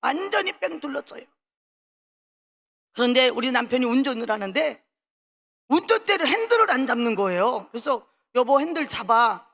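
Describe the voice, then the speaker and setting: A woman pastor preaching a fervent testimony, going from soft passages to loud ones. Her voice is very high and bright with a gravelly edge. It echoes with the long reverb of a large prayer hall. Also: big pitch swings, moderate pace, long pauses. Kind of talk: testimony sermon.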